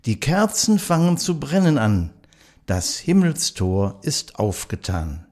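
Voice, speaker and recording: A man's voice: mid-range voice, sing-song, slow, a little mellow, voice pushed up, exaggerated voice. A man reading a Christmas poem aloud and voicing the holy Christ Child in a raised, lilting voice. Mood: gentle.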